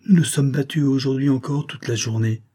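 Imagine a man reading aloud as a defeated young nobleman, grave and resigned, speaking earnestly despite his sorrow. The voice stays dark and slightly husky. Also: medium pitch, steady tone, fairly quick, voice pushed up, natural voice. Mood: las.

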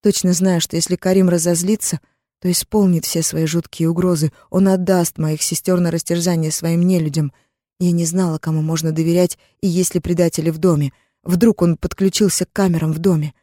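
Woman with a mellow, dark voice reading an audiobook. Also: lowish voice, little pitch movement, a little fast, dry recording, clean studio sound. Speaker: audiobook narrator. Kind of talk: first-person scripted narration.

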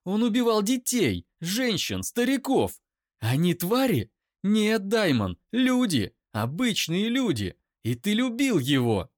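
Shrieking enraged young woman, voiced by a male reader, lively pitch, dry close sound. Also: takes it slowly, no echo, full character voice. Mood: furious. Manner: screaming, raised pitch. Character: furious young woman shouting accusations.

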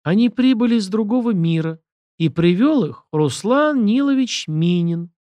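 A man voicing a calm, authoritative male head of guards who speaks in a measured, soft but commanding way. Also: sits high, dry recording, voice pushed up. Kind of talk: audiobook character voice.

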